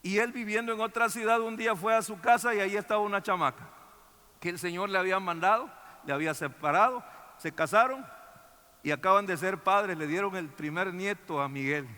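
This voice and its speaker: High, bright-voiced pastor man preaching. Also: brisk, in a large hall. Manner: animated, conversational storytelling with many restarts. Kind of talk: sermon with personal story.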